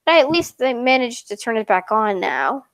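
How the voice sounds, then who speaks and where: A woman streaming casual chat and reading creepy stories aloud, playful and interrupting, dropping soft for spooky lines. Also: a little high, lively intonation, moderate pace, smooth, poor audio.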